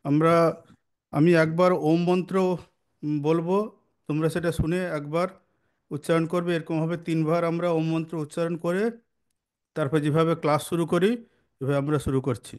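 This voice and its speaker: Male teacher for a values class: resonant, flat delivery, measured pace when leading chants. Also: a little high, clear, resonant tone. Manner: slow measured chanting of mantras.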